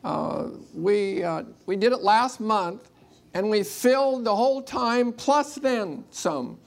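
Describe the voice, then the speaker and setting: A church leader giving announcements and leading spoken prayer in a plain, informal, unhurried way to a congregation. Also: medium pitch, lively intonation, gravelly. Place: church service room.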